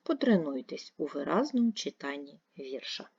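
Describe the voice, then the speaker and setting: A woman's voice: deep voice, very animated, moderate pace, gravelly, a little mellow, breathy edge, no room sound. A woman teacher giving a primary school video lesson, explaining patiently and step by step. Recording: dull lo-fi dry recording.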